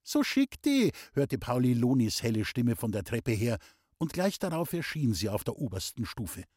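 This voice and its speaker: A man reading a novel aloud as an audiobook narrator, calm and even. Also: mid-range voice, normal speed, breathy edge, no room sound, clean studio sound. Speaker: audiobook reader. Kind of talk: scripted narration.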